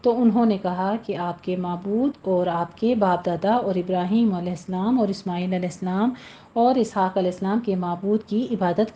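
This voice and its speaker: A woman teaching a tajweed lesson, slowly reciting verses and then explaining the pronunciation rules in a plain instructive voice. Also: mid-range voice, dark tone, muffled recording. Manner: slow, deliberate, drawn-out recitation between plain instructions.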